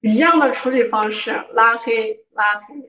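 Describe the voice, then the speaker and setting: A young woman from Guangzhou in southern China, a guest, shares a personal story in casual conversation, voicing the lines of an argument with growing indignation. Her voice is slightly high and moderately paced, captured from a distance with crowd noise around her.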